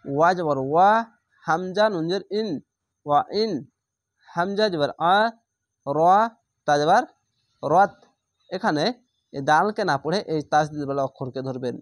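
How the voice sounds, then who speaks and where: A man's voice: fairly high pitch, a little slow, pauses often, no room sound, studio quality. A man teaching Quran reading, spelling out each letter and vowel mark and then blending the syllables, with patient explanations between drills. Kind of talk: slow spelled-out recitation lesson.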